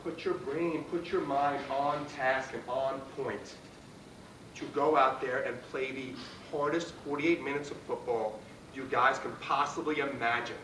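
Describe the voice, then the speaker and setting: A man's voice: medium pitch, steady tone, unhurried, a bit bright. A man gives a pre-game pep speech as a guest motivator, emphatic and rallying, punching out short phrases. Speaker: guest motivational speaker, fight trainer. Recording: roomy, distant mic, clear background noise.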